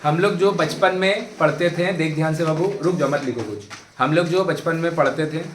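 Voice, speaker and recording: A young man teaching math to a class. His voice sits a little high and swings widely as he keeps calling on the students to watch. The echoey room rings around him. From India. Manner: animated, coaxing students to pay attention; mixes English phrases into Hindi explanation. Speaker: math tutor. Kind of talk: classroom lesson.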